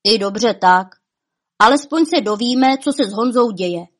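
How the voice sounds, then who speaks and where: A woman voicing a gruff, blustering male companion who talks louder and grumbles, in a storybook reading. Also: on the high side, expressive. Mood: grumbling.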